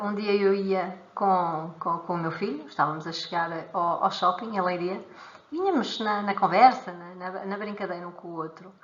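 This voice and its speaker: A woman's voice: mid-range voice, fairly bright tone. A woman with a European Portuguese accent teaches a weekly live stream on emotions. She explains step by step, restarting words and acting out short dialogues. Her voice sounds a bit muffled in a roomy, echoing space. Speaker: emotional freedom technique teacher.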